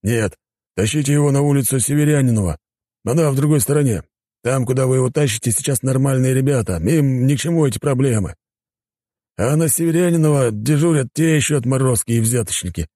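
A man's voice: medium pitch, brisk, dark tone, dry recording, pitched above the performer's own voice, lightly acted. A man voicing a weary, grumbling police inspector about to retire. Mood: commanding. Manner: grumbling, exasperated.

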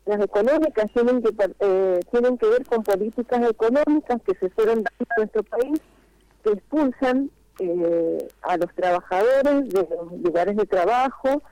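A woman speaking over a phone line on speakerphone, calling in to a radio interview as a vendors' spokesperson. She explains at length, earnestly, with frequent pauses. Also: mid-range voice, animated, warm tone, no echo.

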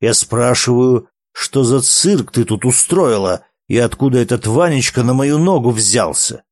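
A stern, curt wealthy man who speaks slowly in clipped phrases, as a male narrator voices him. It is a storybook reading with a dry, close sound. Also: medium pitch, expressive, darkish tone, no room sound.

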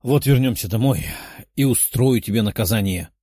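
A man's voice: medium pitch, moderate pace, warm tone, slightly rough, no room sound, clean studio sound, natural voice. A man voicing a tired young demon who grumbles firm orders in an audiobook. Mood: grumbling.

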